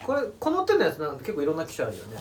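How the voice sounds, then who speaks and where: A man's voice: fairly high pitch, huge pitch swings, very fast, far from the mic, a crowd in the background. A man co-hosting a talk show, dropping dry joking asides in casual chat. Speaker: podcast co-host.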